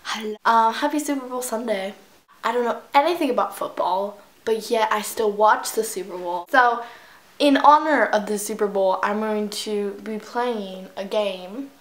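A young woman vlogging as she plays a phone game, animated, squealing at the game and muttering between taps. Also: medium pitch, normal speed. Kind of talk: casual gaming vlog. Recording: echoey room with faint noise.

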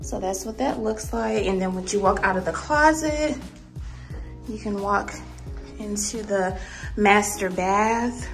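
Filming on a phone she carries as she walks, a young woman tours an empty apartment, its kitchen and bare rooms, chatting casually to her viewers. Her medium-pitched voice is a little slow with some vocal fry, faint music plays behind her, and she stays animated, calling people "y'all" and "honey." The empty space gives the audio a long, echoing reverb.

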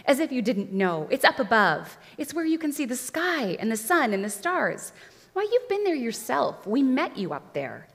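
A woman's voice: on the low side, lively intonation, brisk, creaky, few pauses, a little mellow. A woman doing a defiant young schoolboy. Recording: long hall reverb.

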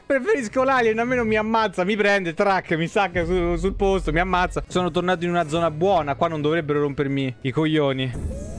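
A man's voice: sits high, steady tone, brisk. A young man streaming a horror game, swearing constantly and yelping in panic. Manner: swears a lot, panicky yelps and shouting. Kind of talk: live gameplay commentary.

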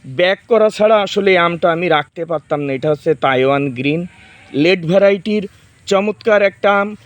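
A man's voice: sits high, moderate pace, dry recording. A man in his thirties from Bangladesh, chatting casually outdoors in a garden as he demonstrates fruit and directs his children. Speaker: farming vlogger. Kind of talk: casual outdoor demo chat.

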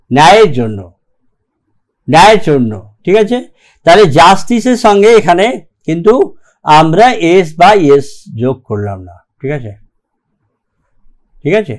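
A man teaching English grammar in a recorded lecture, reading rules aloud slowly and keeping checking that the class follows. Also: fairly high pitch. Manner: slow and deliberate, reads English rules aloud, keeps checking "ঠিক আছে?".

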